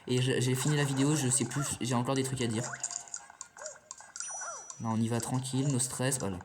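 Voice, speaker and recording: A man's voice: mid-range voice, little pitch movement, fairly quick. A man giving casual, rambling commentary on a video game as a let's play host, chatting to his viewers and swearing now and then.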